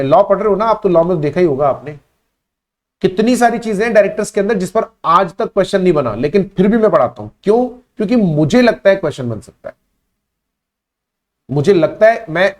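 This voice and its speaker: An adult man teaching a live online class, his voice sitting a little on the high side. He presses his points hard, says the same phrase two or three times for weight, and talks to his students in a warm, instructive way. He keeps up a steady lecture while taking their questions. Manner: emphatic, repeats key phrases, addresses students as beta.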